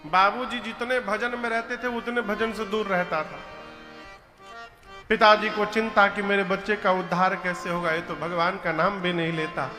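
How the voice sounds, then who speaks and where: A man's voice: high voice, flat delivery, moderate pace, pushed and bright. A male preacher giving a devotional sermon, switching between sung verses and storytelling while addressing his audience. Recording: echoey hall with music. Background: devotional music.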